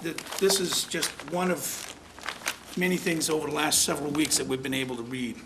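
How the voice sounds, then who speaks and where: Chairing a town commission meeting, this man speaks fairly quickly in a fairly high voice with fairly even intonation. His public remarks come across as plainspoken, folksy and rambling, in a noisy public-access recording.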